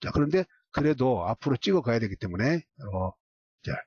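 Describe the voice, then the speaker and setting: A man teaching a software tutorial step by step, repeating short cues as he clicks along. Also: medium pitch, big pitch swings, moderate pace, breathy edge, dry recording. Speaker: software instructor. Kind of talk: screen-recorded software tutorial.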